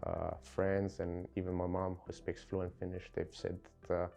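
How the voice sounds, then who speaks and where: Italian guy in his 20s, low mellow voice, lots of uhs, soft music behind. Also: monotone, gravelly. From Italy. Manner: earnest, halting with many fillers and restarts. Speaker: credit control specialist. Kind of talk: corporate interview.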